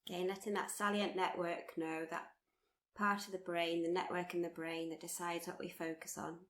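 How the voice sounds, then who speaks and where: Leading a body scan at a live workshop, a meditation teacher speaks in a slightly low voice with very flat, steady intonation. She is calm and unhurried, gently encouraging listeners and repeating her phrases.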